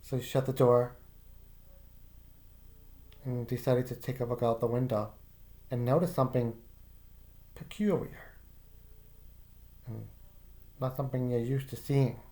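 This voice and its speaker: A man with a medium-pitched voice slowly guides a visualization, addressing the listener as "you." He sounds calm and soft-spoken, with casual filler words here and there.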